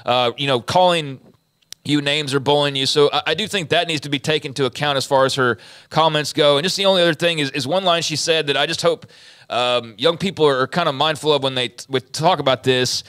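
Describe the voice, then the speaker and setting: A man's voice: a little high, fairly quick, a bit bright. A young man co-hosting a sports talk show from a studio, speaking reflectively and rephrasing as he goes. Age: young adult. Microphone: studio mic with headphones.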